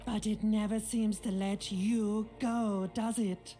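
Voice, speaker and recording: A woman's voice: mid-range voice, steady tone, slow pace, mellow, soft background music, lightly acted. Woman voicing a game's seductive inner voice, coaxing, teasing, drawn out. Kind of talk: video game voice acting.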